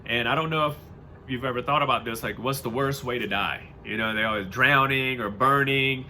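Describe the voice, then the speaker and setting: Speaking a little fast at medium pitch, this American man reads a text and keeps wandering off into informal, meandering remarks before losing track. His tone is pushed and bright, and a little hiss or hum sits under the home-made recording.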